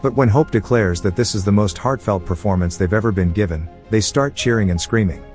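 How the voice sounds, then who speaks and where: A man narrating a movie recap in an even, measured storytelling voice. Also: on the low side, soft background music. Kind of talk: scripted narration.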